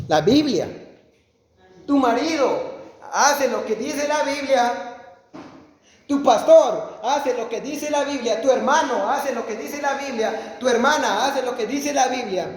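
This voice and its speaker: A man delivers a sermon in an unhurried, high voice, questioning his listeners directly. The sound is roomy with a long hall reverb and faint background noise. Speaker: preacher.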